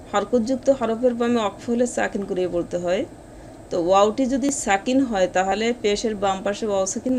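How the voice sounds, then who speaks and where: A woman teaching Quran reading, explaining pronunciation rules and then reciting each word slowly and drawn out. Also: medium pitch, a little mellow, a little hiss or hum. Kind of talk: step-by-step recitation lesson.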